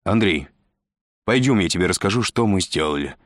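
A man doing an urgent, brusque man who snaps out his words. Low male voice with a dry, close sound. Audiobook reading. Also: lively intonation, moderate pace, dry recording. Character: furious soot-covered man, brusque and urgent.

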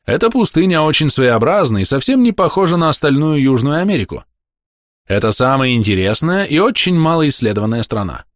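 A man reading an audiobook, voicing a smooth-talking male trader who sounds falsely friendly and faintly ironic. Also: fairly high pitch, sing-song, fairly quick, no room sound, clean studio sound, voice pushed up. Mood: ingratiating.

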